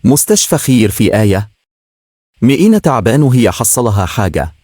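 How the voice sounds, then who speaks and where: A man's voice: medium pitch, sing-song, a little fast, warm tone, no echo, studio quality. A man reading a story aloud, voicing a polite, reserved young female student with an Egyptian accent. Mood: worried. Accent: Egyptian Arabic.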